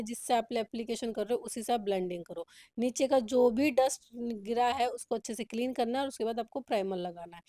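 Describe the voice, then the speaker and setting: Makeup artist from India, casual instructive voice-over, mellow tone, slightly high. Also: female voice, no room sound, clean studio sound. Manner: chatty, instructive, code-switching with English words.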